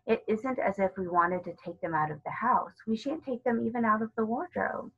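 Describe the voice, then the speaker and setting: Lady doing a proper sensible schoolgirl from a storybook, husky, bit muffled. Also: fairly high pitch, normal speed, fairly bright tone, pitched above the performer's own voice. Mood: practical. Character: sensible schoolgirl, eldest sister, practical and fussy.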